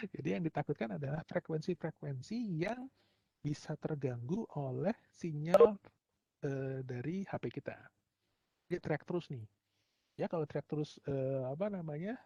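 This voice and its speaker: A man's voice: a little high, husky, no echo, highs cut off. A male university lecturer from Indonesia, giving a casual, joking lecture and acting out examples. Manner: chatty, joking, acts out phone and tower shouting.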